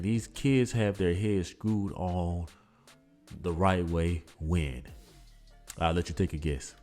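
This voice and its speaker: A man's voice: deep voice, darkish tone. A man hosting a sports podcast, talking through the news loosely with lots of fillers and rhetorical questions. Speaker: podcast host. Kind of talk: casual sports commentary. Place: home setup, voice-over on photos.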